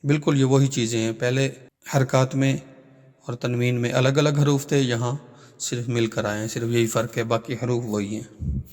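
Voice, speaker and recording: A man with a Pakistani accent teaching Quran reading, spelling out letters and syllables in a slow, sing-song drill. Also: mid-range voice, fairly even intonation, darkish tone, big-room sound.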